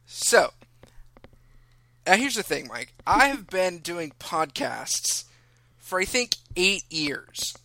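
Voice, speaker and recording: A man's voice: high-pitched, very animated, slow pace, vocal fry, pauses often, sharp tone, no echo. A man hosting a casual podcast from a room in his house, chatty and self-deprecating, rambling with restarts. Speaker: podcast host.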